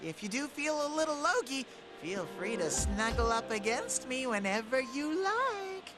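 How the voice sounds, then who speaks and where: Bubbly talking bear. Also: male voice, very high-pitched, measured pace, heavily acted. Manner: bubbly, excitable, swooping. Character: cuddly talking bear mascot, cheerful and affectionate. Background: game music.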